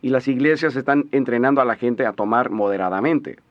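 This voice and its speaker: In a dull, lo-fi recording, a man with a mid-range voice delivers a steady, measured voice-over interpreting a sermon.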